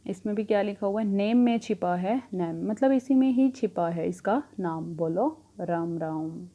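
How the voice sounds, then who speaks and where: A woman's voice: medium pitch, a little slow, mellow, lo-fi sound. A young woman teaching current affairs, asking questions and answering them herself, with rhyming memory tricks. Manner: asks a question, then answers it herself, repeating.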